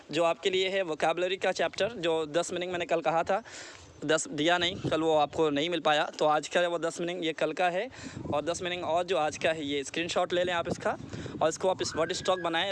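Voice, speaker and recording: A man from India teaching a basic lesson online, earnestly repeating words slowly for pupils to copy. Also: a little high, fairly bright tone, slight background noise. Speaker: English teacher.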